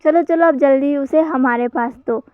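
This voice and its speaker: High chatty woman retelling a story. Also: moderate pace, dry recording, highs cut off. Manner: chatty, addresses viewers.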